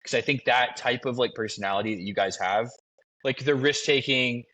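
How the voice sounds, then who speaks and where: A man's voice: mid-range voice, fairly quick, fairly bright tone, poor audio. A man in his thirties hosting a podcast, talking casually and enthusiastically with lots of "like" fillers. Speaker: podcast host.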